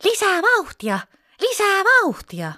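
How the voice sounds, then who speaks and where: A tiny, headstrong girl from a children's storybook shrieks her demands in a very high, bouncy voice, as a woman reader plays her. She is quick to tantrums and loud when she wants something. The sound is close and dry. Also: dry recording, full character voice. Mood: gleeful. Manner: shrill excited shouting. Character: small strong-willed girl, quick to tantrums. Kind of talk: storybook character voice.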